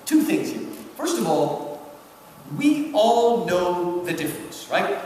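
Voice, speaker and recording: This man's voice is high and very animated yet slow, with a darkish tone. He delivers a live literary lecture at a public event, emphatic and rhetorical, frequently checking in with listeners. The sound comes from a distance in a big echoing hall, with plenty of noise.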